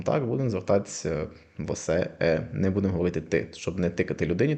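Male language teacher with a lowish voice; patient explainer who repeats examples slowly. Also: darkish tone. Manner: repeats phrases slowly, checks understanding with tag questions. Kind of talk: explanatory lesson.

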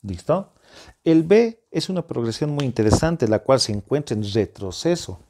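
A male math teacher with a mellow, warm tone walks secondary students through a lesson at the board. He is patient and encouraging, breaking each step down and keeping the class with him through frequent check-in questions. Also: mid-range voice, sing-song, normal speed. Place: classroom whiteboard.

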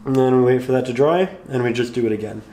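A man calmly guiding viewers through a step-by-step painting tutorial, slightly hoarse, in an unhurried, encouraging way. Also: mid-range voice. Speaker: painting instructor.

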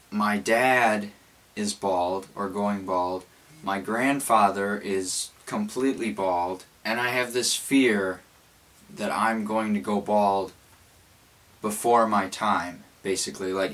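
Teen guy vlogging, kinda low voice, takes his time, mouth a bit stiff from a cold sore. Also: a bit bright. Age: late teens. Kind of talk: reflective talk to camera. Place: small cluttered bedroom, indoors. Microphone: camera a few feet away.

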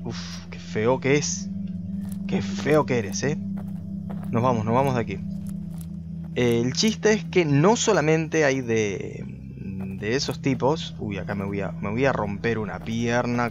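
A man giving let's play commentary, talking to viewers and shooting up in pitch when startled. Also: measured pace, muffled recording, over loud music. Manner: excitable, talks to viewers, jumps high when startled. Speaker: gaming video host.

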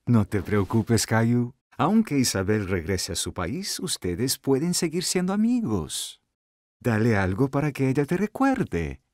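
A man's voice: medium pitch, big pitch swings, measured pace, a little mellow, no echo, studio quality. A man voicing a kind father who explains things patiently in a children's cartoon dub. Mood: reassuring.

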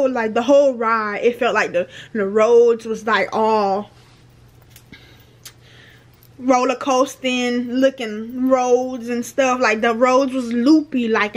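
A young woman vlogger telling a casual storytime, chatty and slangy, repeating her phrases. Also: high voice.

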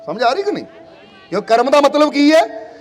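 A man's voice: very high-pitched, big pitch swings, fairly quick. A man giving a devotional sermon, earnest and repeating phrases for emphasis. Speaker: spiritual preacher. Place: satsang hall. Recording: long hall reverb.

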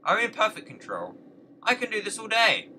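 A man's voice: high voice, huge pitch swings, moderate pace, pushed and bright, distant mic, a little hiss or hum. A young man chatting playfully to himself while playing a driving game. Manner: chatty, playful, talks to himself and other drivers. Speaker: gaming channel host. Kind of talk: casual let's play commentary.

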